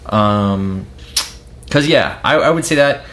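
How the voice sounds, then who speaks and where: Low-voiced man on a casual beer podcast. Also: lively intonation, slow, fairly bright tone. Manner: rambling, hesitant, many restarts. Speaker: podcast co-host. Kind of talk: casual beer-tasting chat.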